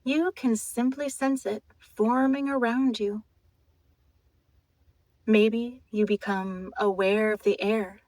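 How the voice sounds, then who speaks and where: A woman guides a hypnotic trance, her manner soft, intimate and mesmerizing, soothing and deliberate yet gently commanding. Her voice is a little high, with no room sound.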